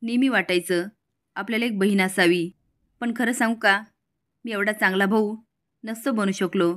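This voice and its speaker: A woman voicing a kind, gentle young wealthy man who speaks reassuringly. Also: medium pitch, steady tone, moderate pace, close to an everyday voice.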